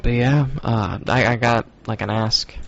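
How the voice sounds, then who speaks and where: A man's voice: medium pitch, steady tone, unhurried, gravelly, fairly bright tone, dull audio. A man hosting a casual stoner podcast, talking in a loose, rambling, profane way with lots of fillers. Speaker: podcast host.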